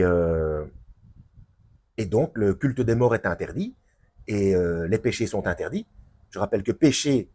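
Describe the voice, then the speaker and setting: A man's voice: lowish voice, a little mellow, breathy edge. A man giving an unscripted Bible teaching for his video channel, hesitant with many fillers and restarts, rising into emphatic points.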